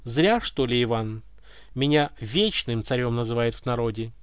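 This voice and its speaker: A man voicing a pompous, touchy old tsar in a dry, close read, using a lively voice that keeps rising into roaring anger. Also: a little high, normal speed, no echo. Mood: scolding. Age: older. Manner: pompous, roars when offended.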